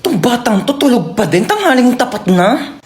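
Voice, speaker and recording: A woman's voice: on the high side, sing-song, moderate pace, darkish tone, soft background music. A young Filipino woman acting out comic family skits, exclaiming and bickering as she switches between roles. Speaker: comedy skit creator.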